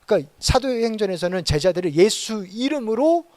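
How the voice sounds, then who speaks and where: A male pastor preaches with a high voice that swings widely, and he breaks into dramatic quoted exclamations. The sound is dry and close. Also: big pitch swings, fairly quick, darkish tone, dry recording. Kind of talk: sermon. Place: church auditorium.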